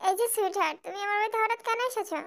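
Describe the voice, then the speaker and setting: A woman's voice: extremely high pitch, rapid-fire, fairly bright tone. A woman voicing a teasing, cocky young man who bosses others around, in an amateur comic dub. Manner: teasing and bossy.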